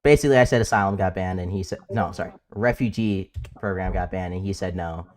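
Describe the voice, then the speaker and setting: A man's voice: low voice, fast talker, darkish tone. A man hosting a live debate stream, insistent and repeating himself with stumbling restarts. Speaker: livestream debate host.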